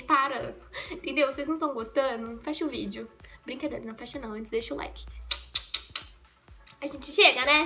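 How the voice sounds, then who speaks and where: A young woman from Brazil chatting casually as she does her makeup at home, joking and rambling with self-corrections. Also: high-pitched. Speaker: makeup vlogger. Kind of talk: casual get-ready-with-me vlog. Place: at home in a bedroom.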